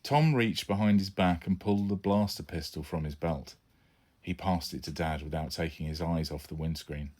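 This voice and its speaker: In a low, slightly mellow voice at normal speed, a man narrates his own children's adventure story as a scripted audiobook. He tells it as a storyteller, giving each character a voice of their own.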